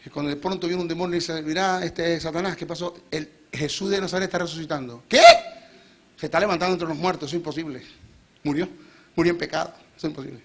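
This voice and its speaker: A male preacher, delivering a lively sermon, rising to shouts and acting out dialogue. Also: fairly high pitch, quick pace. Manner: shouting and playful, acts out devil and God dialogue.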